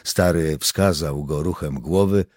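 A man narrating an audiobook in an even, unhurried reading voice. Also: very deep voice, no echo, clean studio sound. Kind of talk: scripted narration.

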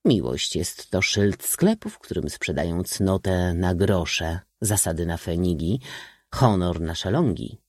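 A man voicing a sardonic, malicious baron in an audiobook, speaking in a smooth, mocking way. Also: sits low, sing-song, a little slow, a little mellow, no room sound, clean studio sound, exaggerated voice. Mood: sneering.

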